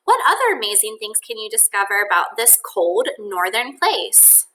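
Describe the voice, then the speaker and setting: A teacher reads a nonfiction book to children in an expressive, unhurried way, mixing in think-aloud remarks for them. She has a medium-pitched voice, and the audio is poor.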